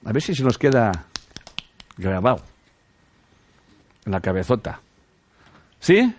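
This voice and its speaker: A man from Spain with a Castilian accent leads a relaxed spiritual talk before a group. His pitch swings lively up and down as he pushes rhetorical questions and salty slang. He keeps addressing his listeners affectionately as sweethearts. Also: slow pace, slight background noise. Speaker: spiritual teacher.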